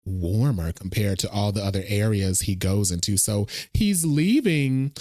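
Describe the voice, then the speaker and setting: Lively man chatting over a trailer. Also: on the low side, unhurried, dry recording, studio quality. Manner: chatty, animated, thinks aloud. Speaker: reaction video host. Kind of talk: casual trailer reaction commentary.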